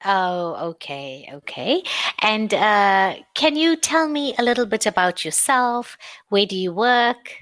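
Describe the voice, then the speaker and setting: A woman from South Africa teaching English, asking friendly questions in an unhurried way with many fillers. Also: medium pitch, big pitch swings, fairly bright tone. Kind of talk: conversation lesson on a call.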